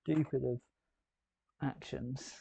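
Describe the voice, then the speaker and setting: A man's voice: mid-range voice, fairly even intonation, slow, creaky, mellow, slightly rough. A man hosting a live building stream, chatting and thinking aloud as he works. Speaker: host.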